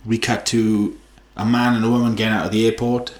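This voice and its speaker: A man's voice: lowish voice, flat delivery, fairly quick, echoey room. A man casually recapping a film on a podcast, swearing, laughing often and acting out the scenes. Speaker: podcast co-host.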